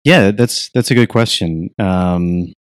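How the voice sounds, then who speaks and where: A deep, dry-voiced man from Virginia in the United States, a retreat program teacher, gives reflective answers in an interview. He is soft-spoken and thoughtful, speaking slowly with frequent restarts and fillers. There is no room sound.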